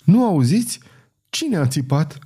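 A man's voice: on the high side, sing-song, dark tone, husky, pitched above the performer's own voice, full character voice. A man voicing a frightened prince who talks in a fearful, pleading way. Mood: terrified. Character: frightened male prince, desperate and shaken.

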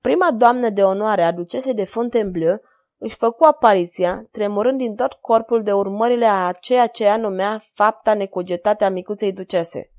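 A woman narrating a classic novel as an audiobook, with a dramatic, animated reading. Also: mid-range voice.

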